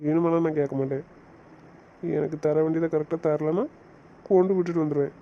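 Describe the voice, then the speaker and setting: A man's voice: a little high, fairly even intonation, fairly quick, dark tone, muffled recording, a little hiss or hum, close to an everyday voice. A man playing a teasing, bossy young husband in an audio romance series, scolding his wife in playful banter.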